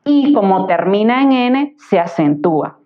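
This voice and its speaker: A woman tutor giving a patient, explanatory grammar lesson, slowly sounding out words syllable by syllable. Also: medium pitch, sing-song. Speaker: Spanish tutor. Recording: slightly dull lo-fi recording.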